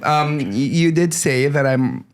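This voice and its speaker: A man's voice: fairly high pitch, fairly even intonation, unhurried, slight background noise. A man from the Philippines, a singer-songwriter guest on a podcast, talking in a chatty, laughing way with lots of fillers. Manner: chatty, laughs often, many fillers and restarts. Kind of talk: casual interview chat.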